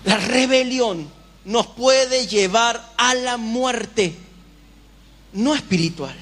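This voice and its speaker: High-voiced preacher. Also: male voice, drawn-out words, fairly bright tone. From Uruguay. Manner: fervent testimony with rhetorical questions to the congregation. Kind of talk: sermon.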